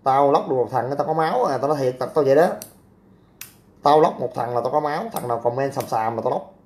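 Brash livestreamer, dark voice. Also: male voice, medium pitch, fast talker. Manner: brash, crude, blocks commenters. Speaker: livestream host. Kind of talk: casual livestream chat reading comments.

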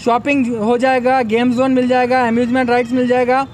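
Brisk and monotone, a young event organizer with a very high-pitched, darkish voice gives a promotional press statement at an outdoor expo, repeatedly urging customers to come. He speaks into a bank of press microphones on a table, with slight background noise.

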